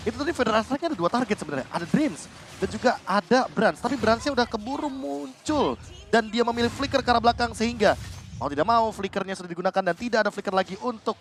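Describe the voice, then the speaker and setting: A man analyses a live esports match. He talks quickly in a high voice, explaining the tactics as he goes. Music plays clearly behind him. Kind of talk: analytical live game commentary. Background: clear background music.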